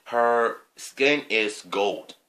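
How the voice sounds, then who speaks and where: A man giving an unscripted opinion monologue on his video channel, hesitant, with frequent pauses, ums and throat clearing. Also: mid-range voice, animated, sharp tone. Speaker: vlogger.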